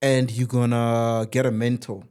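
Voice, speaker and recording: A man voicing a slick male seminar presenter with a put-on British accent, pitching a deal and building hype. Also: little pitch movement, unhurried, darkish tone, clean tone, close to an everyday voice. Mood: smooth pitch.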